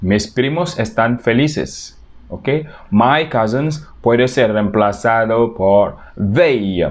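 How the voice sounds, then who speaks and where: A man's voice: mid-range voice, drawn-out words. A man teaching English pronouns to Spanish speakers, repeating each word several times to model the pronunciation. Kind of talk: language lesson for Spanish speakers.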